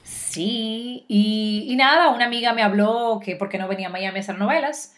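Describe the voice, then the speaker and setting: A woman with a Dominican accent, an actress chatting as a guest in an interview, animated and talkative with quick restarts. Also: medium pitch. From Dominican Republic. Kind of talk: casual interview chat.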